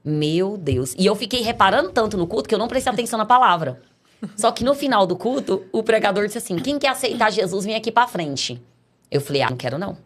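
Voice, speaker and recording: A woman's voice: mid-range voice, animated, fast. A middle-aged Brazilian woman telling her life story as a podcast guest, acting out the voices of the people in her tale. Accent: Brazilian Portuguese. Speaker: podcast guest giving a testimony. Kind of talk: casual storytelling testimony.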